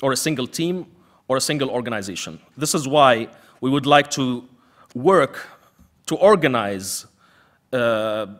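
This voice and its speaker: Guy from the emirates giving a lecture, forceful, repeats lines for effect, middle pitch. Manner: emphatic, rhetorical repetition. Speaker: panel speaker, activist. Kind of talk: prepared lecture speech.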